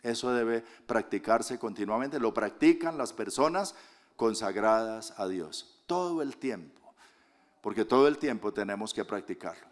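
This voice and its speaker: A Colombian man preaching a sermon as pastor, moving from loud emphatic lines to soft hushed asides. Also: fairly low pitch, animated, a little slow. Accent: Colombian Spanish.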